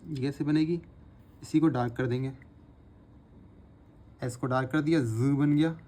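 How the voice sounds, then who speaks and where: A man teaching shorthand, explaining each stroke patiently and repeating the sounds slowly as he writes them. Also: medium pitch, steady tone, mellow. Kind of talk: instructional lesson, repeating drills aloud.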